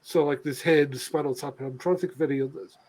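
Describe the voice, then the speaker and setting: Rambling man, higher voice. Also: fairly even intonation, fast, darkish tone. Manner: rambling, filler-heavy. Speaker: co-host. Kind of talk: casual reaction chat.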